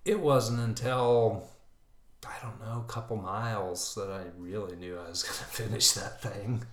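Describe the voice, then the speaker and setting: A man in a casual chat, telling an animated running story and bursting into loud reenactments. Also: lowish voice, normal speed. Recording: roomy echo.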